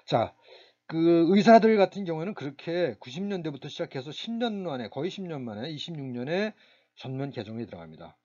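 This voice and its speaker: A man giving a recorded university lecture, speaking haltingly with many fillers and restarts. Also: fairly high pitch, very animated, a little mellow, dull audio.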